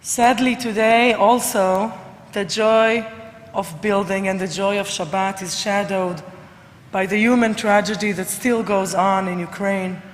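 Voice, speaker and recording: A woman rabbi with an Israeli accent, a native Hebrew speaker, giving a sermon in a hoarse, broken voice as from a cold. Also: mid-range voice, steady tone. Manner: frequent throat clearing, unhurried. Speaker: visiting rabbi. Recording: reverberant hall with background noise.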